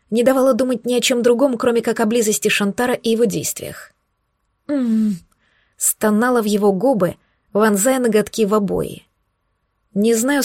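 A woman narrates a first-person romance in an intimate, breathy reading. Her voice is fairly high, and the recording is close and dry, with no room sound. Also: darkish tone, no echo. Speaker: audiobook narrator.

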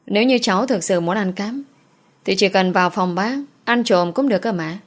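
A woman's voice: medium pitch, close to an everyday voice. A woman voicing a young woman who pleads through sobs and threatens through gritted teeth. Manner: sobbing pleas, then teeth-gritted threats. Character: young woman, tearful then vicious.

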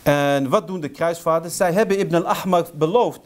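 High-voiced man giving an impassioned history lecture. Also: normal speed. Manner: storytelling with rhetorical questions; heated, indignant.

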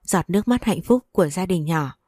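Mellow-voiced woman telling a story. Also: lowish voice, expressive, fairly quick, no echo, studio quality. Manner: chatty, wry storytelling. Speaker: story narrator. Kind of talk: first-person story narration.

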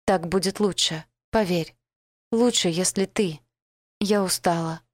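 Audiobook heroine: a tearful young woman, terminally ill, begging and pleading, voiced high and strained, as a woman reader puts her on. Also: unhurried, no room sound, close to an everyday voice. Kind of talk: audiobook character voice.

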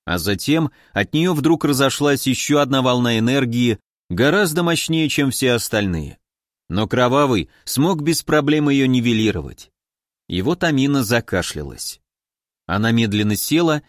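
Expressive male audiobook narrator. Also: medium pitch, normal speed, no room sound, studio quality. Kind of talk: scripted narration.

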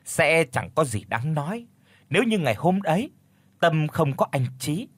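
A man narrates a village horror story in a husky, lively voice. His telling is gossipy and animated, recorded dry and close. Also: fairly high pitch, moderate pace, dry recording.

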